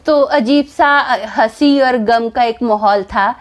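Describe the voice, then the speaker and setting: A woman's voice: fairly high pitch, slow. A woman telling a story in a casual, chatty way, laughing at it as she goes. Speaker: storyteller vlogger.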